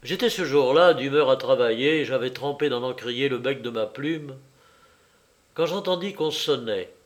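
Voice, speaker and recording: A man reading a literary novel aloud in a measured, wry and reflective storytelling manner. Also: mid-range voice. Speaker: audiobook reader. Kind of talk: literary audiobook narration.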